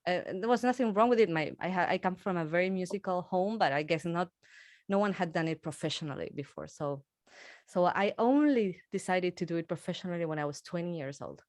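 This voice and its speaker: A woman's voice: lowish voice, fairly quick, a little mellow, no room sound, clean studio sound. A woman from Argentina, a musician in her thirties, chatting in an interview and laughing often. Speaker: musician guest. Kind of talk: casual interview conversation.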